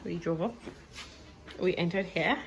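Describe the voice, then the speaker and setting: A woman's voice: fairly low pitch, a little slow, slight background noise. A woman with a Jamaican accent giving a casual home tour vlog, chatty and talking straight to viewers. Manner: chatty, patois-mixed, addresses viewers directly. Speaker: vlogger.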